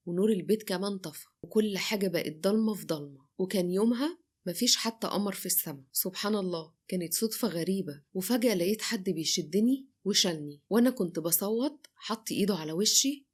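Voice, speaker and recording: A woman's voice: mid-range voice, slightly rough. A woman with an Egyptian accent narrating a dramatic first-person story, voicing both herself and the other people in it. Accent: Egyptian Arabic. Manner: quick, breathless retelling that voices both sides of the dialogue.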